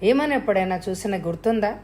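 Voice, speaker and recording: A woman's voice: medium pitch, expressive, mellow, close to an everyday voice. A woman doing a harsh, cold young killer. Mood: cold menacing. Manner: coolly menacing, unhurried.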